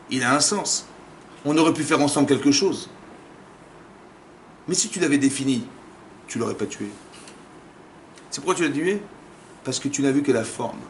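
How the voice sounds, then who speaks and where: A man, a rabbi, giving a lively Torah class in a community center, casual in phrasing, acting out dialogues and firing rhetorical questions. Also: mid-range voice, slight background noise. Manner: animated, acts out dialogues, fires rhetorical questions. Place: community center lecture room.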